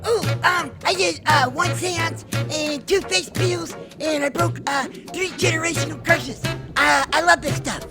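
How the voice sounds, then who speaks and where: Woman doing ditzy halting ad testimonial customer, really high voice, music behind. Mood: hesitant, pleased. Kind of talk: parody advert testimonial.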